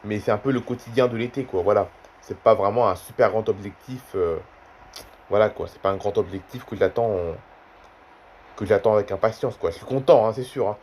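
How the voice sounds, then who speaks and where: A man's voice: lowish voice, a little fast, darkish tone, slight background noise. A man in his twenties chatting casually in a vlog, rambling and repeating himself often. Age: 20s. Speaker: YouTuber.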